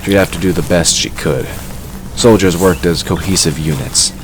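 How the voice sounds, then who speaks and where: Scripted storytelling for a fantasy audio drama, voiced by a male narrator with an exceptionally low voice. Ambient noise is clearly audible behind him.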